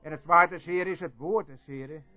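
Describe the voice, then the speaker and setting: High-voiced preacher on old tape. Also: male voice, a little fast, soft background music. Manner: storytelling preacher, swinging between loud outbursts and hushed asides. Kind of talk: sermon. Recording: dull lo-fi tape recording.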